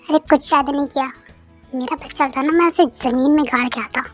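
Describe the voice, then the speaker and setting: A clingy, teasing young man who coaxes his friend and turns protective in a fan-dubbed audio story, as a young performer puts him on. His voice comes out high for a guy, over faint music. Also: fairly even intonation, brisk, natural voice. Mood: angry. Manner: coaxing, teasing.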